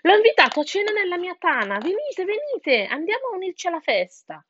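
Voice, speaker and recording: A woman's voice: extremely high pitch, big pitch swings, a little fast, a bit bright, lo-fi sound, slight background noise, voice pushed up, heavily acted. Woman doing a sneaky sweet-talking fox, sing-songy. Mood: coaxing. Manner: sly coaxing sweetness. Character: sly scheming male fox, smooth-talking.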